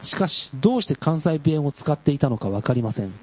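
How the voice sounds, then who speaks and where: A man hosting a radio show, reading a listener's letter aloud in a deadpan storytelling way. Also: fairly high pitch, a little fast. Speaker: radio host. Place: radio studio. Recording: dull lo-fi radio audio.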